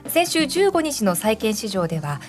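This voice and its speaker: A woman's voice: a little high, very animated, moderate pace. A woman hosting a radio programme, presenting segments and responding conversationally. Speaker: host. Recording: faint music behind. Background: music.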